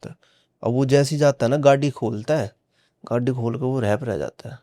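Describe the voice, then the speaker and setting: Man, podcast guest, casual storytelling, mellow tone, quotes dialogue. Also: mid-range voice, moderate pace. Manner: retells dialogue with many "he said" tags.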